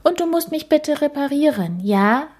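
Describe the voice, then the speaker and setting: A woman's voice: high-pitched, expressive, moderate pace, a little mellow, voice pushed up. A woman voicing a sad, tired female ghost who speaks politely but in a whiny, plaintive tone, in a storybook reading.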